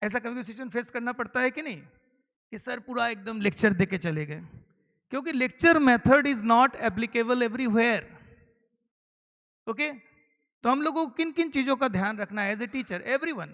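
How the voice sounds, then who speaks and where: A man's voice: very high-pitched, expressive, a little slow, fairly bright tone. A man from eastern India training teachers, explaining step by step and asking the audience rhetorical questions. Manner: explanatory, asks rhetorical questions, mixes English terms. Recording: long hall reverb.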